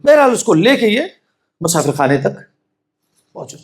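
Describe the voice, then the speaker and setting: Impassioned high-pitched male preacher. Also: big pitch swings. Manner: impassioned, swings from hushed storytelling to shouted emphasis; keeps urging listeners to pay attention. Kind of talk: Shia majlis sermon.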